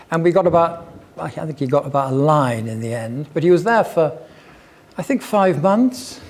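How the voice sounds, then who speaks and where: A man's voice: a little high, darkish tone. An older man giving a chatty public talk, full of wry asides and digressions. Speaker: guest speaker at a local history talk.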